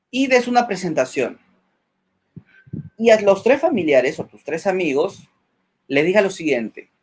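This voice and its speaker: A man giving public speaking advice as a webinar guest, checking in with "ok?" after nearly every point and acting out short example lines. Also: high-pitched. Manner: acts out example lines in a changed voice.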